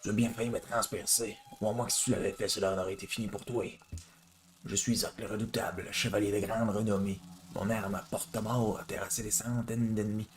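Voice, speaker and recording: A man's voice: on the low side, level tone, a little fast, slight background noise, close to an everyday voice. A man putting on a haughty Québécois game knight. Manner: haughty, declamatory. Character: boastful small knight, proud and rude.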